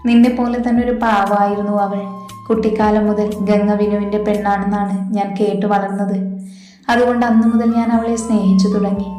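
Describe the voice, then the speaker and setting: A woman voicing a gentle, patient young husband who speaks tenderly to his wife. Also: mid-range voice, little pitch movement, a little fast, close to an everyday voice. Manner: soothing, tender. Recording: roomy echo with soft music.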